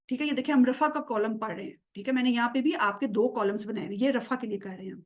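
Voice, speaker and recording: High-voiced woman teaching grammar patiently. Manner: patient, checks understanding with frequent "okay?"; drawls example words slowly to show pronunciation. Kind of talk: online lesson explaining grammar.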